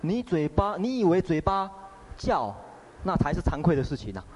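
A man's voice: on the high side, sing-song, normal speed, darkish tone, pitched above the performer's own voice. A man voicing a wise old meditation master admonishing his disciple. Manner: admonishing, instructive.

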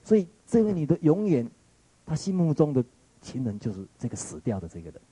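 Male Taiwanese Mandarin lecturer, dark husky voice, dry close sound, rambling reflective storytelling. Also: on the high side, wildly swooping pitch, brisk, dry recording, poor audio. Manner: musing, searching for words, frequent restarts.

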